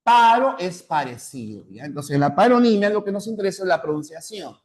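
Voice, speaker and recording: A man's voice: high-pitched, big pitch swings. A man with a Peruvian Spanish accent teaching a class, often repeating key terms and checking in with "¿ya?". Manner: slows down to spell out examples. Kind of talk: classroom lecture.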